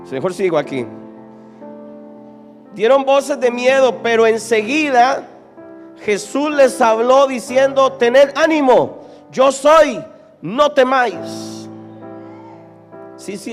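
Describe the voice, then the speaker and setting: A pastor with a high, ringing voice preaches an animated, dramatic sermon, throwing questions at his congregation. His voice carries a long reverb through the church hall. Keyboard music plays clearly underneath. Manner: animated, dramatic preaching, acts out Bible quotes.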